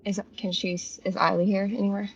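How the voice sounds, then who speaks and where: A woman with a husky voice playing a tabletop game, talking casually and bluntly. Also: medium pitch, level tone, a little fast. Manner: blunt, informal, swearing. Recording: slightly dull, lo-fi sound.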